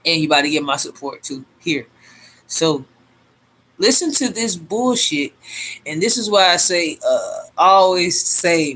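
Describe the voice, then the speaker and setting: High-voiced man rambling slowly. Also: sharp tone, a little hiss or hum. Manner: loose, slangy, full of fillers and restarts. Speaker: host of his own channel. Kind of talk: casual rambling monologue. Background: faint homemade beat playing.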